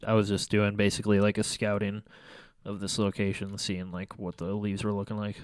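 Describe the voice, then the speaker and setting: A young photography vlogger with a stuffy, congested nose casually reviews his photos, rambling and hesitant with plenty of fillers and restarts. He's in a small room at home by a window. His fairly low voice is monotone, a little fast, and smooth, with a dry, clean studio sound.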